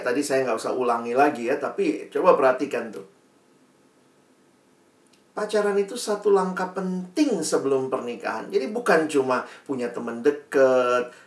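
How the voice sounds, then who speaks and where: A man delivering a sermon to a youth audience, his voice rising and falling with lots of expression. He talks in a chatty, animated way. The sound is roomy and picked up from some distance. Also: mid-range voice. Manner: lively, conversational, acts out teen questions. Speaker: youth speaker. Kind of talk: sermon to young people.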